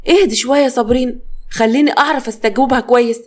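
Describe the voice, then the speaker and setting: A woman's voice: fairly high pitch, very fast, darkish tone, lightly acted. A woman with an Egyptian accent voicing an angry male police officer who commands and threatens. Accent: Egyptian Arabic. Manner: furious, commanding.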